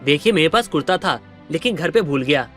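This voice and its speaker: A man voicing a polite, hurried young male customer in a cartoon story. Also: on the high side, animated, a bit bright, faint music behind.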